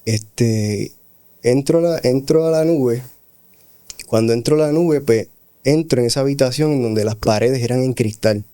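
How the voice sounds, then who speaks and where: A middle-aged man, a pastor, giving a slow, reflective spoken testimony with pauses and hesitations. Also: mid-range voice, dark tone, smooth. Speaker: pastor, guest. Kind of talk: testimony in a radio interview.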